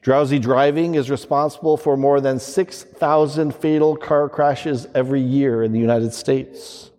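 Slow priest in cathedral echo. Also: male voice, medium pitch, steady tone, dark tone. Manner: slow, measured liturgical delivery. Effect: long cathedral-like echo. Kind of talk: reading the Gospel and preaching a homily. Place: large church. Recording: church hall with long reverb.

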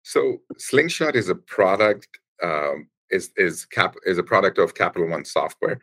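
A man with a very low voice is a guest on a podcast. He explains things patiently at length, stops often and starts his sentences over. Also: very animated, fairly bright tone. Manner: explanatory, halting with many restarts. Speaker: guest, engineering executive. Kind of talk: podcast interview.

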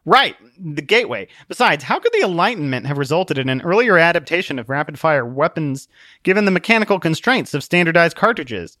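Guy doing an earnest young hero, urgent, voice pushed up higher. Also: big pitch swings, fairly quick, pushed and bright, dry recording, clean studio sound.

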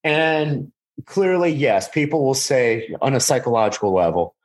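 A man's voice: medium pitch, very animated, normal speed. A man in his forties, a podcast guest, talking casually with lots of restarts and repeated words. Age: 40s. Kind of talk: casual conversation.

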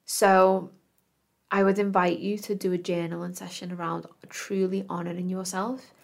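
Female podcast host, lower voice with some vocal fry. Earnest self-help influencer delivery, reflective and affirming, speaking straight to the listener. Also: little pitch movement, normal speed.

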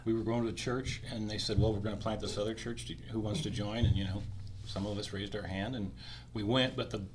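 A man in his sixties, a podcast guest, telling lively anecdotes in casual conversation. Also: fairly low pitch, fast talker, noisy background.

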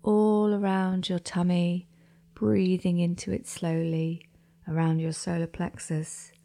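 A woman leading a guided meditation in a slow, soft-spoken voice that often drops into a half-whisper. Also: lowish voice, flat delivery, vocal fry.

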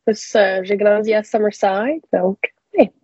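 A young woman from Prince Edward Island, an English speaker and university student, speaking hesitantly with many pauses. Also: medium pitch, steady tone, warm tone, slightly rough, no room sound. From Prince Edward Island, Canada. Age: young adult. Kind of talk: casual discussion. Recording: dry, dull lo-fi sound.

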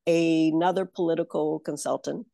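A self-assured woman political consultant speaking in a somewhat low voice, emphatic and lively in her storytelling. The recording is dry and close, with no room sound around her. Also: moderate pace, vocal fry, no echo. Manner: confident, emphatic storyteller who laughs easily. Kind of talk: conversational interview.

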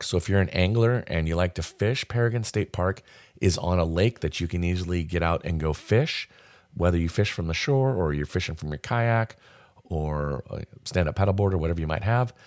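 Man, very low voice, dry close sound, casual camping itinerary, practical tips. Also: a little mellow, no echo. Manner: friendly, practical, lists tips with fillers. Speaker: travel and camping guide. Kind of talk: casual travel itinerary talk.

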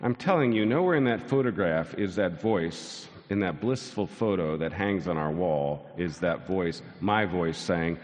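With a deep, animated voice, a man in his sixties preaches unhurriedly and with hardly any pauses. This pastor's sermon mixes stories told with dry self-mocking humor and rises to soaring lines, recorded in a large church sanctuary with long hall reverb.

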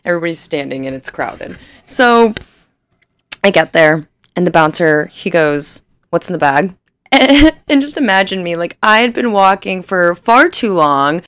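A woman's voice: on the low side, lively intonation, measured pace, fairly bright tone, dry recording, studio quality. A young woman in her twenties telling a rambling, self-deprecating story in casual chat, laughing often and swearing freely.

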